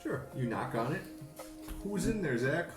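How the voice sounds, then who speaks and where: A man acting as game master, describing scenes in a relaxed way with many fillers. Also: on the high side, measured pace. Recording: echoey room with music behind. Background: background music.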